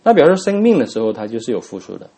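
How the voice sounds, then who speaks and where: A man's voice: medium pitch, sing-song, rapid-fire, mellow. A man teaching an English grammar lesson, who spells words out letter by letter, says each word twice and keeps asking his students rhetorical questions. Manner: asks students rhetorical questions, many fillers.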